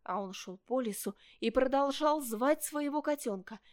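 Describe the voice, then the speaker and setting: A woman reading a children's story aloud, narrating in a lively, expressive way. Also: sits high, moderate pace.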